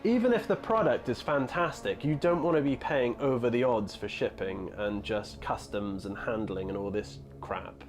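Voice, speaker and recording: Thirties male hobby streamer, relaxed and rambling, average pitch, soft music bed behind. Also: normal speed, hardly any pauses. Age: 30s. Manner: chatty, rambling, answers chat messages. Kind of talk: casual live-stream chat.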